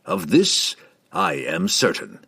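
A man reading aloud, voicing an old male wizard who speaks slowly and ominously. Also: mid-range voice, wildly swooping pitch, vocal fry, pushed and bright, breathy edge, pitched above the performer's own voice, heavily acted. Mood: grave. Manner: slow, measured, ominous delivery.

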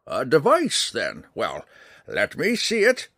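A man voicing a stern, gruff male woodland hermit who scolds in a raised, high voice. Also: huge pitch swings, takes it slowly, a bit bright, dry recording, studio quality, exaggerated voice. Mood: scolding.

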